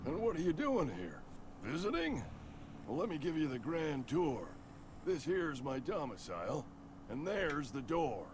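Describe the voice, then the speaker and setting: A grumpy, sickly old man from a video game. His pitch swings widely as he frets and complains melodramatically, with clear noise behind him. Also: big pitch swings, a little slow. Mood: alarmed, grumpy. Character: grumpy, fretful sickly old man, fearful and self-pitying. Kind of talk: video game character dialogue.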